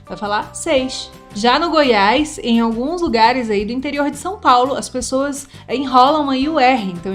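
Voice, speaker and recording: A woman with a Brasília accent, teaching a video lesson and talking straight to the viewer in a conversational way, often asking questions. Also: sits high. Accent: Brasília Brazilian Portuguese. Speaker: English teacher.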